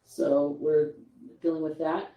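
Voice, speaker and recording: A woman's voice: sits low, level tone, slow, mellow, recorded from a distance, muffled recording. A tired woman giving the teachers' union report at a school board meeting, chatty, with small laughs and restarts. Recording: echoey room, voice from off-mic.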